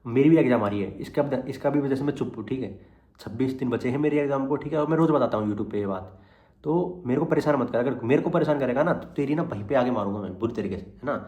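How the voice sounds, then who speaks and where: A young man rambles to camera in a casual vlog, his talk full of fillers and loose asides. His voice sits at an ordinary middle pitch, and the room around him rings with echo. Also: quick pace, dark tone. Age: young adult. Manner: rambling, full of fillers, angry threats turning to tired chat. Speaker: exam student vlogger.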